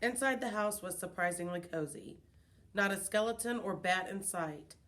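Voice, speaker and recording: A woman reading a children's chapter book aloud, in an expressive storytelling manner. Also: mid-range voice, moderate pace. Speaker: reader.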